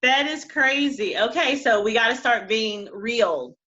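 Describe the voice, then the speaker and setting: A woman hosting a podcast, chatting casually with her guest, encouraging and quick to laugh. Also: on the high side, lively intonation, highs cut off. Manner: warm, encouraging, laughs easily. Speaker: podcast host. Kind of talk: casual interview chat.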